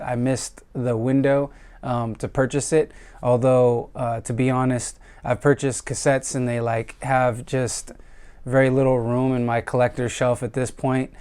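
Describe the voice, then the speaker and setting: Host: American man, casual music reviewer, smooth clear voice, relaxed and reflective delivery, lots of fillers. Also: mid-range voice. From United States.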